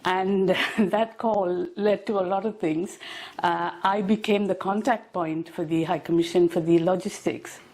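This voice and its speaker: A woman in her sixties from Sri Lanka, a company founder answering interview questions with many ums and pauses. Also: lowish voice, steady tone, a little mellow. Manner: hesitant, many ums and uhs. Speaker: food company founder, guest.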